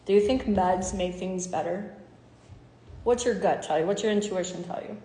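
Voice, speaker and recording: A woman's voice: medium pitch, normal speed, dark tone, reverberant. A woman health coach in candid, casual talk to her followers, acting out conversations with clients. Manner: chatty, candid, acts out dialogue.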